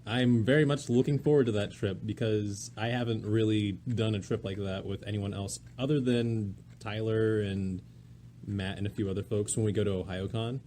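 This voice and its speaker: A man's voice: lowish voice, steady tone, moderate pace, dark tone, a little hiss or hum. A young man co-hosting a casual podcast chat, joking and laughing a lot. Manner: goofy, laughing, absurd jokes. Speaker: podcast co-host.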